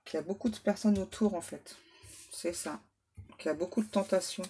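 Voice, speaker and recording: A woman medium giving a relaxed tarot reading to her viewers, reassuring them and tacking little asides onto her sentences. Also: fairly low pitch, slight background noise. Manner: unhurried, reassuring, full of little "hein" and "ouais" asides; reads English card names aloud. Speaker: medium doing card readings.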